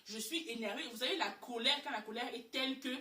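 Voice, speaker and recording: A young woman telling a story in casual chat, animated and exasperated, often repeating her words. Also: fairly high pitch, fast talker. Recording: echoey room, far from mic.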